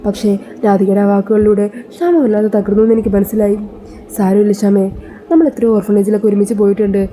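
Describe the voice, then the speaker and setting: A woman voicing a caring sister-in-law who soothes and reassures in a slow, gentle manner. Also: medium pitch, little pitch movement, a little hiss or hum, close to an everyday voice. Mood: consoling.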